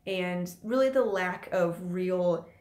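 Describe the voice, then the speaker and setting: A woman in her late twenties hosts her own channel, rambling loosely with plenty of ums during a live stream from a room at home. Her voice is lowish and a little mellow, and she speaks slowly. The room sounds echoey.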